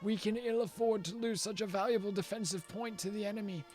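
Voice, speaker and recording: A man's voice: sits high, steady tone, fast talker, darkish tone, soft background music, voice pushed up, lightly acted. A man voicing a pompous old male royal envoy, reading game dialogue aloud in a formal, stately way.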